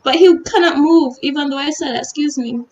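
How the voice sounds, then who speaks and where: A woman's voice: sits high, moderate pace, darkish tone, rough recording. A woman co-hosting a youth show over a video call, telling a story in a chatty way and often laughing. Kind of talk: casual panel chat.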